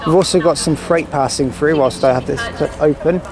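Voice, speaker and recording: A man's voice: fairly high pitch, a little fast. A man giving chatty, casual running commentary outdoors on a railway platform, reeling off train numbers. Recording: outdoor platform with clear background noise. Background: passing trains, outdoor ambience.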